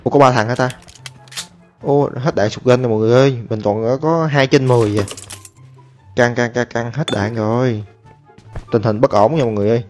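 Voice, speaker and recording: A man giving excitable, chatty commentary over his own gameplay, talking to viewers and taunting enemies. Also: medium pitch, a little fast, pauses often. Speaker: gaming streamer. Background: game music and gunfire.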